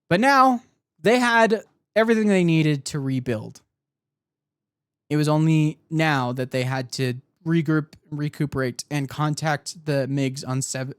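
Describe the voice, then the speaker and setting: A man's voice: on the high side, fairly bright tone, clean tone, no room sound. A man telling lore as a streamer, with casual asides and a hesitant, self-correcting delivery. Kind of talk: live storytelling with casual asides.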